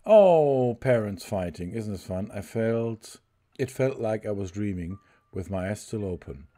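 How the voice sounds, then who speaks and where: Slow, low-voiced German-accented streamer. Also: male voice, animated, dark tone. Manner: slow reader who chuckles and corrects himself. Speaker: let's play streamer. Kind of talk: reading game text aloud with commentary.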